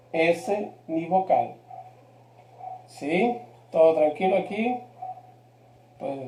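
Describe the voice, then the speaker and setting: A man's voice: high voice, mellow, echoey room. A man teaching a live grammar lesson, patient and checking in often with his class. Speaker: Spanish teacher.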